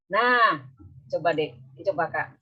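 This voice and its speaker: A woman's voice: fairly low pitch, expressive, takes it slowly, husky, dull audio. A woman Sunday school teacher telling a story to children on a video call, coaxing them with questions.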